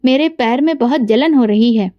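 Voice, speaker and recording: A woman's voice: a little high, moderate pace, no echo, lo-fi sound, natural voice. A woman voicing a scared young girl who talks in a tearful, pleading way.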